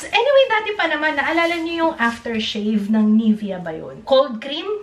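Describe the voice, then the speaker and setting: A woman with a Filipino accent chatting through an unboxing at home, switching between Tagalog and English, now and then squealing with excitement. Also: high voice, moderate pace. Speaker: vlogger. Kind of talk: casual family vlog, unboxing. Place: home, indoors. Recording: noisy home recording.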